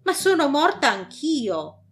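A woman voicing a pale ghostly little girl in a storybook, with a small, slow, otherworldly voice. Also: high-pitched, sing-song, faint music behind, pitched above the performer's own voice, exaggerated voice. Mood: eerie calm.

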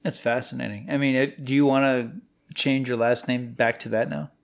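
A man co-hosting a casual film chat, animated and joking, often breaking into playful impressions. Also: moderate pace, gravelly. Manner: animated, jokey, mimics lines in high voice. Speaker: film podcast co-host.

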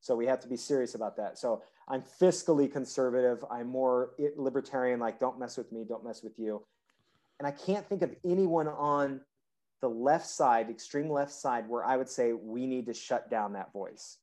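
A man's voice: mid-range voice, moderate pace. A man hosting a podcast, chatting casually about politics in a rambling way full of fillers. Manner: rambling, animated, frequent "like" fillers. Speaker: podcast host.

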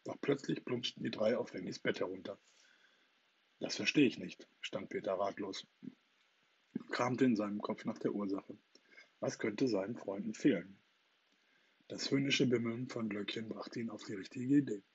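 A man with a husky voice narrating a children's story in a calm, even way, on a dull lo-fi recording. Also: lowish voice, moderate pace. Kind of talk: storybook reading.

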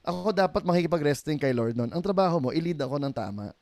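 A middle-aged Filipino man, the pastor guest on a casual podcast, talks quickly in a slightly high voice. His storytelling is animated, full of acted-out quoted voices and easy laughter.

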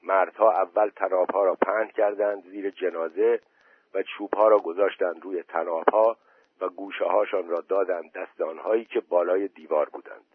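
A man with a husky voice reading a story aloud in a plain, steady storytelling manner. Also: sits low, dry recording. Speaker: narrator. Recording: dry tinny phone-like voice message.

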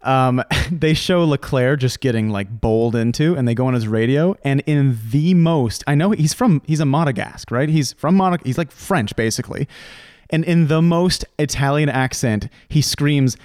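A man co-hosting a casual podcast chat, full of teasing banter and quick laughs. His voice sits at an ordinary middle pitch. It is recorded close up, with a dry sound and no room echo. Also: darkish tone, clean tone. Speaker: podcast co-host.

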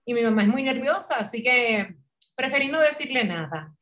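Animated Puerto Rican woman, fairly high voice. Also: moderate pace. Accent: Puerto Rican Spanish. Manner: animated storyteller, acts out quoted dialogue, laughs often. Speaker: podcast guest. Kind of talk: casual interview conversation.

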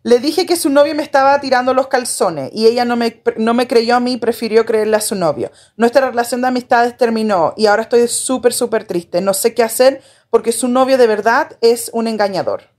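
A woman's voice: a little high, brisk, few pauses, a little mellow. A young woman co-hosting a podcast, reading listener messages aloud and adding dry comments. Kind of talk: casual chat.

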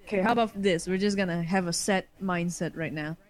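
A woman's voice: lowish voice, fairly even intonation, a little fast. A woman guest on a casual podcast, joking dryly and swearing freely.

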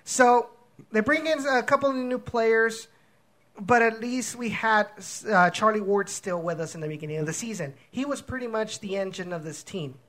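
A man's voice: high voice, moderate pace, fairly bright tone. Man, soccer podcast co-host, casual chat, rambling, many fillers. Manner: rambling, frequent restarts and fillers.

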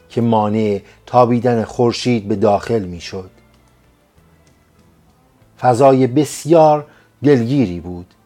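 A man narrating a serialized story as a scripted audiobook, reading in a slow, measured way. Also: mid-range voice, mellow. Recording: faint music behind.

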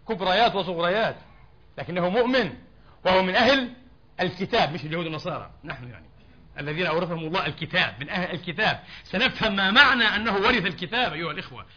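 A man's voice: sits high, pushed and bright. A man preaching an impassioned sermon in a mosque, asking his congregation rhetorical questions. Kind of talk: Friday sermon. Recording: dull lo-fi sermon recording.

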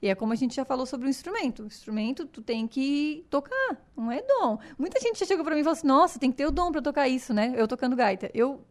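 A woman speaks in a clearly high voice, talking as a singing teacher in a relaxed podcast chat. She explains with eager enthusiasm and slips into little vocal demonstrations as she goes. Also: quick pace.

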